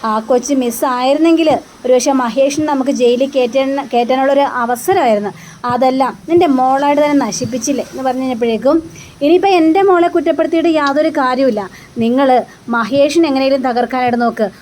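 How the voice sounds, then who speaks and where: A high-voiced woman chats through a TV serial episode, slipping into the characters' lines as she goes. A faint background hum sits under her voice. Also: fast talker, a little mellow. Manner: acts out characters' lines in quotes while narrating, with fillers. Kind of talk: casual retelling of a TV serial episode.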